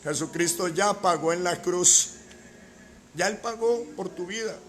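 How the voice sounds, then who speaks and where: High-voiced male pastor preaching emphatically. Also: measured pace, a bit bright, slight background noise. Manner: emphatic preaching, rhetorical questions, repeats key words. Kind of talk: sermon.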